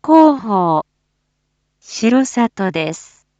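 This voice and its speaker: A woman delivers a formal town public-address announcement in a slightly high voice. She reads extremely slowly and deliberately, pausing between short, measured phrases. The sound is dry and somewhat muffled. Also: very animated, dark tone, dry recording. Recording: dull, muffled lo-fi audio.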